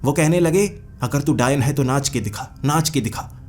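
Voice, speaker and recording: A man's voice: medium pitch, normal speed, natural voice. A man voicing a furious vengeful witch. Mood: menacing. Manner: scolding, threatening. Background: faint music.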